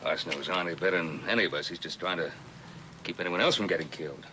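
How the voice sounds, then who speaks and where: An actor playing a calm, just ranch patriarch in a 1960s TV western, measured and reasoning. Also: male voice, low voice. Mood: firm, reasoning. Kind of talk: 1960s television western acting. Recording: noisy old TV soundtrack.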